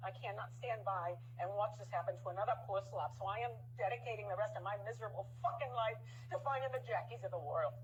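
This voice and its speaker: An actress playing a brash, foul-mouthed female talent manager who rants in a gruff way. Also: medium pitch, fast talker, hardly any pauses, lightly acted. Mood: grieving rant. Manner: gruff, profane, ranting. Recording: dull clip audio, faint hum.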